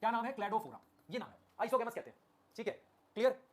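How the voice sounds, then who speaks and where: Male biology tutor, live online class, very fast talker, constantly checks understanding, repeats terms, fairly high voice for a man. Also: big pitch swings. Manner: addresses students affectionately as children; repeats key terms over and over. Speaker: biology teacher.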